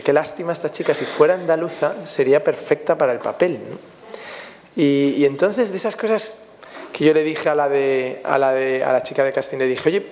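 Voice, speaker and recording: In the festival press room, a long hall reverb surrounds a Spanish director's mid-range, slightly mellow voice. He responds to questions by reflectively telling anecdotes, sprinkling in tag questions often.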